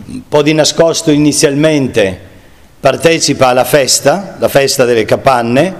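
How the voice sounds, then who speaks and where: Male preacher, slow deliberate sermon delivery, reverberant hall sound. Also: mid-range voice. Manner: slow, measured, reads scripture aloud with pauses and restarts. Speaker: preacher giving a Bible talk.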